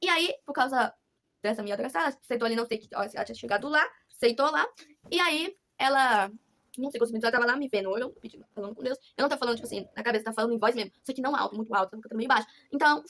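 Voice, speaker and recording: Brazilian woman vlogger, high-pitched, rapid-fire, earnest confessional rambling. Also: a bit bright, slight background noise. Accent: Brazilian Portuguese. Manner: rambling, earnest, many restarts. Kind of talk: casual confessional vlog.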